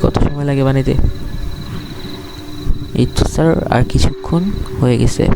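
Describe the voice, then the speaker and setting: A man's voice: medium pitch, steady tone, moderate pace, creaky. Scared Bangladeshi male horror game streamer, noisy audio. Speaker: gaming streamer. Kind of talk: casual horror game commentary to viewers.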